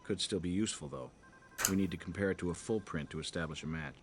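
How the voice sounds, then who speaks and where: An actor playing a sober, thoughtful male crime scene investigator, measured and pondering, in scripted video game dialogue. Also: low-pitched, expressive, creaky, noisy background.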